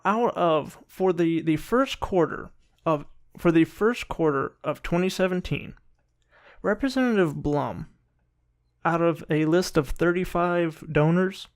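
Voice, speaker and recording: A man giving casual political commentary in a rambling, halting and sometimes sarcastic way, often restarting his sentences. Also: on the high side. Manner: rambling, halting delivery with repeated false starts. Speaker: political commentary video host.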